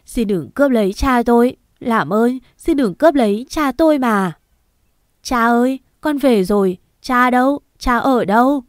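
Storybook role: a woman playing a sobbing young woman, frantic high pleading cries. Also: animated, unhurried, dry recording, studio quality. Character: young woman crying out for her father.

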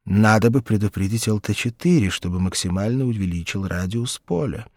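A man's voice: fairly low pitch, fairly quick, no echo, clean studio sound. Man doing a hesitant, cautious scientist. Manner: hesitant, quiet, with filler sounds.

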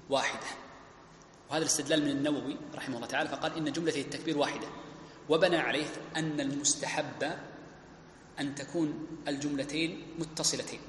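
Working through a classical religious text point by point, this Islamic scholar repeats key phrases as he teaches. He speaks in a voice on the high side and a bit bright, in an echoey hall where faint background noise can be heard.

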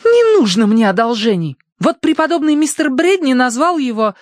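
A man's voice: big pitch swings, moderate pace, dry recording, studio quality. A man voicing a haughty, imperious young rich lady who scolds and commands her servant. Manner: shrill, commanding, indignant.

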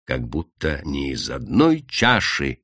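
A man narrating a classic short story as an audiobook, in an expressive, dramatic manner. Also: extremely low pitch, takes it slowly, no room sound, studio quality.

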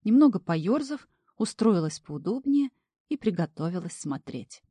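A woman narrating a fantasy story in the first person, animated and playful. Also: medium pitch, measured pace, slightly rough, no echo. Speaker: audiobook narrator.

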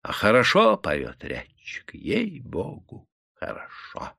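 A man voicing a calm, kindly tavern keeper who speaks softly and unhurriedly. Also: mid-range voice, vocal fry, breathy edge, dry recording, clean studio sound, full character voice. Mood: approving. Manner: soft, quiet, unhurried.

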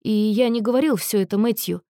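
A woman voicing a defensive, shamed young man who speaks flatly and quickly when pressed. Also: mid-range voice, dry recording, studio quality, close to an everyday voice. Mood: subdued.

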